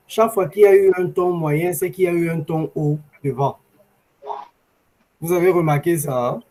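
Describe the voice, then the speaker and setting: A man's voice: high voice, warm tone, poor audio. A man teaching a language lesson over a video call, patiently repeating examples as he explains. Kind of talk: online class explanation.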